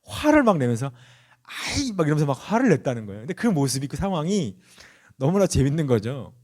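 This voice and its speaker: A male pastor giving a Sunday sermon, speaking earnestly, telling stories and asking the congregation questions. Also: fast talker. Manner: lively rising and falling pitch.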